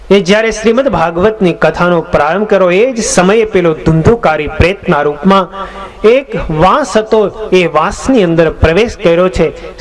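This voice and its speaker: A man, a swami, narrating a scripture story in a measured, dramatic storytelling manner. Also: high voice.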